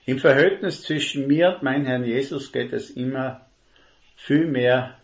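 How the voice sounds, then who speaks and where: Gravelly man preaching earnestly. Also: mid-range voice. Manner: earnest, emphatic, slows down to stress key words. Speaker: lay preacher. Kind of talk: sermon. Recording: dull lo-fi recording.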